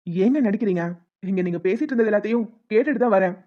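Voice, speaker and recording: Woman doing a young man suitor in a cartoon, fast, frank, dull lo-fi, faint music. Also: medium pitch, animated, lightly acted. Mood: confident. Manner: direct, quick, frank. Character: confident young man, smooth-talking suitor. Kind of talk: cartoon voice acting.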